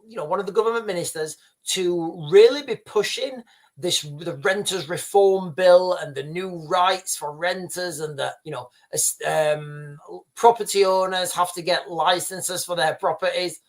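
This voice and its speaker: Unhurried and high-pitched, a Yorkshire man rambles through viewer comments during casual livestream commentary. He repeats and restarts phrases, frequently turning to his audience as "guys."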